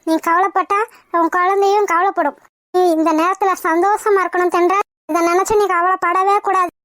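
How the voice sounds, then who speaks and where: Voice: very high voice, level tone, normal speed, fairly bright tone, dry recording, clean studio sound. A fierce cartoon mother-in-law. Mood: soothing. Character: fierce protective middle-aged mother-in-law. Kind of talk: cartoon voice acting.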